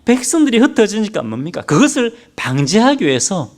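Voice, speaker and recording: An emphatic male pastor delivers a sermon in a fairly high voice. His pitch rises and falls widely as he presses his points. He keeps turning to the congregation with rhetorical questions. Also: big pitch swings, a little fast.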